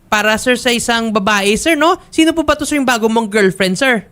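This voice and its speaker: A host with a Filipino accent, probing politely in a complaint-show interview. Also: male voice, extremely high pitch, lively intonation, a little fast, sharp tone, clean tone. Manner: polite, probing, many "sir" and "ma'am".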